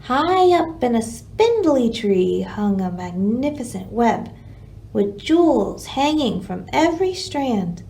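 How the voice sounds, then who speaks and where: This woman's slow, creaky voice runs on the high side as she hosts a library storytime. She reads a picture book to the children in a dramatic, expressive way.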